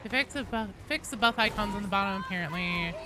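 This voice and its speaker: Against crowd noise in a low-quality recording, a woman speaks fast in a mid-range voice while livestreaming a game. She reads viewers' comments aloud and answers them in casual chat, swearing freely and reacting playfully.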